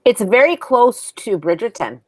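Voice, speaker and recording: A woman in her fifties co-hosting a casual podcast chat as a therapist, talking in a relaxed, meandering way. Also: on the high side, unhurried, breathy edge, no room sound. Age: 50s. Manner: relaxed, meandering, sleepy morning talk. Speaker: co-host therapist.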